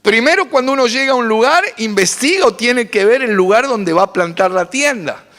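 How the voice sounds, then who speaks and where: Pastor, man, high and lively sermon voice, long hall reverb. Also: brisk. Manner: animated preaching with dramatic pitch swings.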